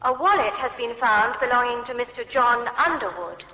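A bright formal airport announcer. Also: female voice, on the high side, animated. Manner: clear, measured, formal. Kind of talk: scripted public address announcements. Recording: muffled echoey hall.

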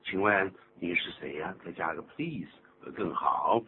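An older man hosting a radio English lesson, explaining phrases in an animated, teacherly way. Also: low voice, a little slow. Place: radio studio. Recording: tinny lo-fi radio broadcast with faint hum.

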